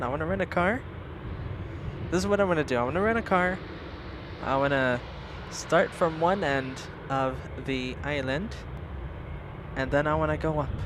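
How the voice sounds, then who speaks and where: A man hosting a casual plane-spotting livestream, chatting and exclaiming as he comments and reads viewer messages aloud. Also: fairly high pitch. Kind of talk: casual live commentary and chat. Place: outdoors by an airport. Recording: outdoor airport noise, aircraft and vehicles. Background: aircraft and vehicle noise.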